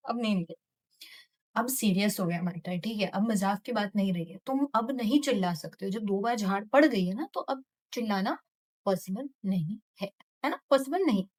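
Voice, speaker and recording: A woman vlogger casually telling a story, animated and mixing English words into her Hindi. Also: medium pitch, moderate pace.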